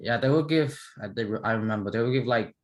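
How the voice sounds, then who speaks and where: A young man from Myanmar with a Burmese accent talks fast in a mid-range voice. As an English student in a casual class discussion, he chats informally and repeats words as he goes.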